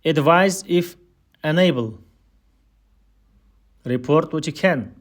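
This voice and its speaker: Taking the part of an instructor, a man reads air traffic control phrases from a scripted aviation listening drill. His enunciation is measured and deliberate, and his voice is a little high.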